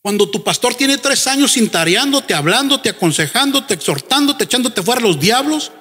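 A man preaching a fervent sermon as pastor, firing rhetorical questions and shouting at the peaks. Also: extremely high pitch, lively intonation, normal speed, slightly rough, long reverb tail.

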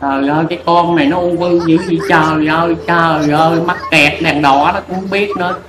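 A man's voice: on the high side, steady tone, close to an everyday voice. A man playing a crude, bossy old fortune teller, scolding and teasing. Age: older. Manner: scolding, teasing, rapid and bawdy. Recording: echoey room with noise.

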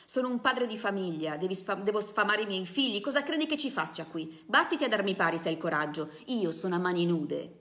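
Woman reader playing an enraged workman, shouting, gravelly, defiant. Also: sits high, expressive, fairly quick, hardly any pauses, heavily acted. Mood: furious. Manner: shouting insults, confrontational. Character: furious male worker, rough and defiant.

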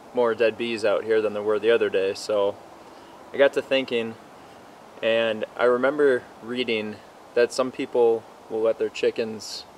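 A man's voice: on the low side, slight background noise. A young man filming a casual homestead vlog in a snowy backyard, explaining at an easy pace with lots of ums and uhs. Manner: relaxed, explanatory, many fillers. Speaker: homestead vlogger. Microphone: camera on a tripod.

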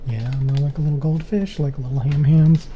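A young adult man doing fast, aggressive ASMR close to the microphones, repeating playful trigger phrases. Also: fairly high pitch, steady tone, muffled recording. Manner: repetitive nonsense trigger phrases. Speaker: ASMR creator. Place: small dark bedroom studio. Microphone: two studio condenser microphones up close. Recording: close-miked with clicking and tapping noise. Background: clicks, tapping, handling noises.

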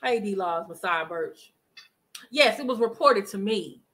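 A woman's voice: medium pitch, expressive, unhurried, a bit bright, low-quality recording. A middle-aged woman hosting a casual live commentary stream from her living room, talking emphatically and greeting chat viewers. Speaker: livestream commentary host. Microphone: webcam at desk distance.

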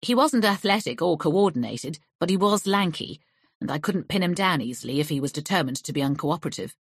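A woman's voice: low-pitched, expressive, brisk, slightly rough, dry recording, clean studio sound. A woman narrating a crime novel audiobook, shifting her voice lightly for the characters' lines. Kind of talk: scripted narration.

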